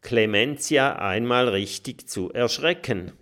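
A man's voice: medium pitch, expressive, slow pace, fairly bright tone. A man voicing a grown male badger who explains things in an emphatic storytelling tone. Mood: explaining.

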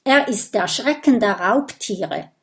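A woman's voice: a little high, animated, slow pace, vocal fry, full character voice. A woman voicing a polite, sensible young female porcupine in a children's audiobook. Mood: matter-of-fact. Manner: polite, matter-of-fact.

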